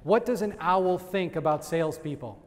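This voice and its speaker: A man's voice: fairly high pitch, normal speed. Guy running a sales training event, keeps quizzing the room, lots of laughs, voice rings in a big hall. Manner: energetic, asks the crowd questions and laughs. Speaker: real estate sales trainer. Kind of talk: live seminar talk to an audience. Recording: long hall reverb.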